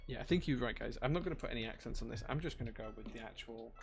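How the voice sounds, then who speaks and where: A man's voice: mid-range voice, very fast, vocal fry, faint music behind. A man hosting a live stream, chatting casually, reading out viewer chat and thanking people as he works. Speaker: livestream host building keyboards.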